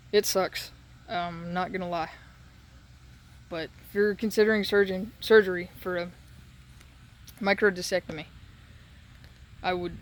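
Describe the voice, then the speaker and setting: A man talking casually and haltingly in a solo update while recovering from surgery with a sore throat. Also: sits high, slight background noise. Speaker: patient giving a recovery update.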